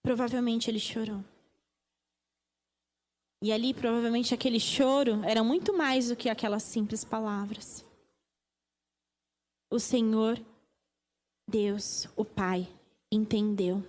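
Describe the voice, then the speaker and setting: Uma mulher com sotaque brasileiro prega num culto de igreja, enfática e repetindo frases para dar ênfase. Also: female voice, a little high, steady tone, slow, pauses often, a little mellow. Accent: Brazilian Portuguese. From Brazil. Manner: emphatic, repeating phrases for stress. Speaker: preacher. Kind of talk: sermon. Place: church service.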